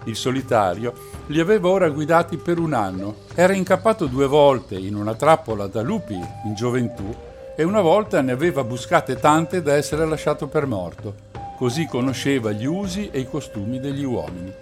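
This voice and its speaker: Man narrating a jungle story, calm steady reading, quiet music in the back. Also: medium pitch, moderate pace. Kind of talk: reading a novel aloud.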